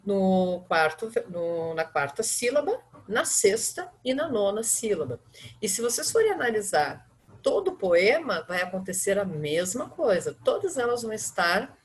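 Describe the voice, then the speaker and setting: A woman teacher giving a lesson with slides, speaking straight to her students and reading verses slowly, stressing each syllable. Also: mid-range voice, sing-song, husky. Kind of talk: online literature lesson with slides.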